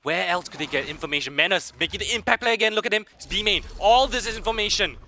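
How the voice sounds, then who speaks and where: A man doing excited play-by-play commentary of an esports match, his voice going hoarse. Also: high-pitched, a little hiss or hum. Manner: rapid hype calls, shouting at big plays. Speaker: esports caster.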